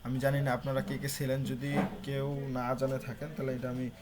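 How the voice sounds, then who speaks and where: A man's voice: mid-range voice, monotone, normal speed, heavy background noise. A young man teaching an online class, mixing English terms into his explanations with frequent "uh" fillers. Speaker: lecturer.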